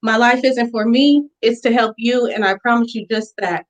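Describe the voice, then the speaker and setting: A woman gives an earnest, heartfelt pitch for her salon business. Her voice sits a little high, and she speaks with sincere feeling. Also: fairly even intonation, moderate pace, poor audio. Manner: earnest and emotional, fighting back tears at times. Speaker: business pitch contestant, hair stylist. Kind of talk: virtual business pitch presentation.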